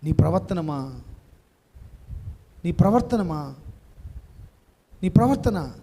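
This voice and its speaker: A man's voice: high voice, expressive, slow, mellow, slightly rough. A male preacher, telling a parable in a sermon and putting questions to the congregation.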